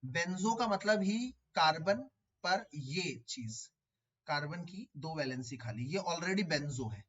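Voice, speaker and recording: A man's voice: fairly high pitch, animated, slow, fairly bright tone, muffled recording. A man teaching a chemistry class online, explaining step by step and repeating key terms, asking his students questions. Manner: addresses students as beta, asks them questions.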